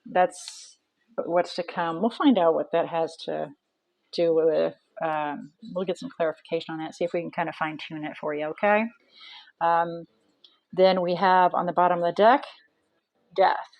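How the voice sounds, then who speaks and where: A woman with a fairly low voice talks through a tarot reading in a relaxed, chatty way. She thinks aloud, often pausing with ums and restarting her sentences. The sound is close and dry, with no room echo. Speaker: tarot reader.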